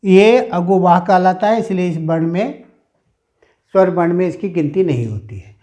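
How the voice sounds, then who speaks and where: A man's voice: high-pitched, dark tone. A male teacher explaining grammar in a classroom lesson, repeating himself and stretching out sounds as he demonstrates them. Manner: slow, repetitive explaining, stretching sounds aloud.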